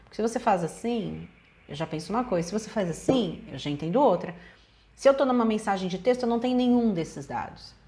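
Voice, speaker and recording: A woman's voice: medium pitch, expressive, quick pace, dark tone. A woman psychologist with a Brazilian accent giving relationship advice in a direct, emphatic way, speaking straight to viewers. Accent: Brazilian Portuguese.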